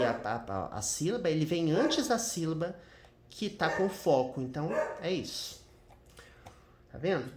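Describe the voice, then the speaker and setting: A Brazilian man walks viewers through an English grammar lesson in a chatty teaching voice. His pitch swings up and down, and he keeps checking in with them as he goes. The recording has a noticeable roomy echo. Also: noisy background. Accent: Brazilian Portuguese. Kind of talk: screen-share grammar lesson.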